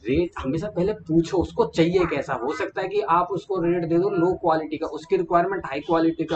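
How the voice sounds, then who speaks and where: A man, casually retelling client conversations in a vlog and speaking to viewers like friends. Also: on the high side. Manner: chatty, retells client calls, addresses viewers as brother. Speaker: small manufacturer sharing business lessons. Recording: dull lo-fi sound with faint background hum.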